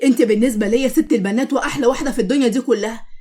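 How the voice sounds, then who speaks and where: Earnest young Egyptian suitor in a cartoon story, read by a woman. Quick delivery. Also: fairly high pitch, mellow, close to an everyday voice. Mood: tender. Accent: Egyptian Arabic. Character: young man, gentle devoted suitor.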